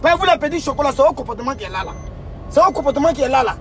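A man plays a grumpy old taxi driver with an Ivorian French accent, rattling off complaints at a very high pitch. He scolds over and over, argumentative and quick. Car and traffic noise hum faintly behind him. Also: animated. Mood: scolding. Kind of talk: comedy sketch acting.

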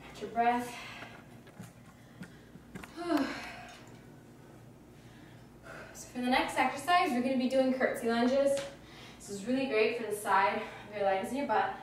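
A young woman gives workout instructions while exercising, slightly out of breath, in short cues with breathy pauses. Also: fairly high pitch. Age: young adult. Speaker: fitness instructor. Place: indoors, small carpeted living room. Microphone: camera a few meters away. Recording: echoey room, distant mic, faint noise.

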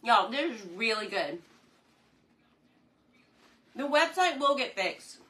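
A woman's voice: on the high side, big pitch swings, slow, bright, forceful tone. A woman, chatting casually on a live cooking stream while eating, enthusiastic and sometimes talking with her mouth full.

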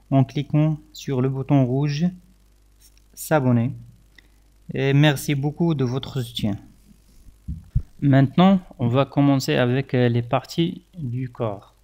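Very slow man drilling words. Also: mid-range voice, steady tone. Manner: slow, deliberate, loud repeated words. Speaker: English teacher. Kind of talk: vocabulary lesson with repeated pronunciation drills.

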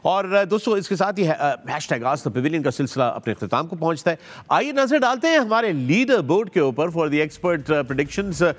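A man's voice: a little high, sing-song, moderate pace. A man hosting a studio cricket panel, reading out viewer questions and bantering with the guests. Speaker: show host.

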